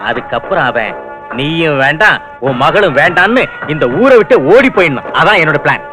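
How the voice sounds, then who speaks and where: An actor playing a scheming male politician who plots with a gangster, over loud film music. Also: a little high, very animated, brisk. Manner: conspiratorial, plotting. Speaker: minister.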